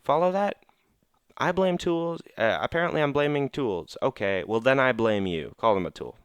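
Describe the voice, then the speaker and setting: A man's voice: medium pitch, expressive, moderate pace, clear, resonant tone, dry recording. A teenage boy rambling through funny school stories, full of fillers, while commenting on a game. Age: teens. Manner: rambling, filler-heavy, laughing storyteller. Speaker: gaming channel host. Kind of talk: casual gameplay commentary storytelling.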